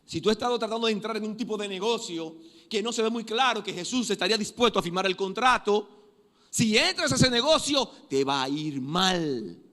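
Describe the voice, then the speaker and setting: A man's voice: high voice, expressive, fairly quick. Man, preaching, raised voice, emphatic repetitions, long church reverb. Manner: emphatic, repeats phrases, swings from loud exhortation to quiet prayer. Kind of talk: sermon.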